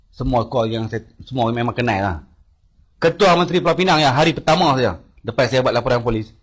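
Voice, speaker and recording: A man's voice: mid-range voice, slightly rough. A man from Malaysia giving a public speech, recounting his experience in a storytelling way and acting out quoted phone calls in a raised voice.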